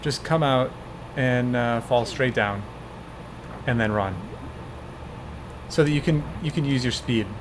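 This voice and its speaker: A man's voice: medium pitch, a little slow, pauses often. Guy in his 20s walking a friend thru a speedrun, chill, laughs a lot, humming fan noise behind. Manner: relaxed, explains step by step, laughs often. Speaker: streamer coaching a speedrun. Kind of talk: casual gameplay chat.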